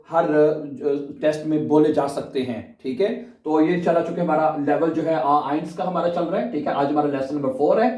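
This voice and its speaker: A man teaching beginners German in a spoken lesson, spelling out German phrases slowly and checking in with "theek hai" after every line. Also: a little high, darkish tone. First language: Urdu. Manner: repeats German phrases slowly, says "ठीक है" often. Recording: echoey room, voice from far off.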